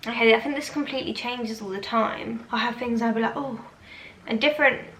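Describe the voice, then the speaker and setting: A woman's voice: fairly high pitch, a little fast, a bit bright. Chatty young British woman in an echoey room. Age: 20s. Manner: rambling, informal, exaggerating. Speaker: vlogger. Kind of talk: casual chatty Q&A to camera. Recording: echoey room, faint background noise.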